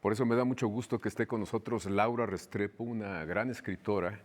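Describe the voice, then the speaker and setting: A man's voice: fairly low pitch, fairly even intonation, a little fast. A man hosting a televised conversation, asking questions and affirming with short replies. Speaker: TV interview host. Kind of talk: conversational interview.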